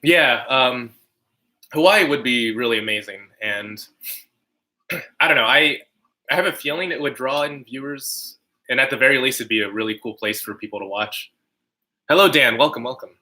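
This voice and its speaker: A man chatting casually on a livestream as host, halting and slightly nasal with congestion from a lingering cold. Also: medium pitch, bright, forceful tone. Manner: frequent throat clearing, halting. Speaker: channel host livestreaming to viewers. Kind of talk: casual livestream chat, answering comments.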